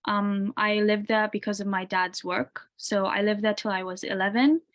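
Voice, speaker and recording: A university student in her twenties, from the UK but raised in Tanzania, answers interview questions in a relaxed way, dropping plenty of "like" and "um." Her voice is mid-range and her pace moderate.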